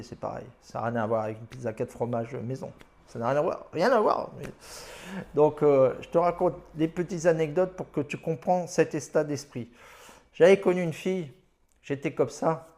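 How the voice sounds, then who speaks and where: A man's voice: medium pitch, a little mellow. A man giving dating advice in a casual monologue, telling his own stories in a boastful, slangy and emphatic way.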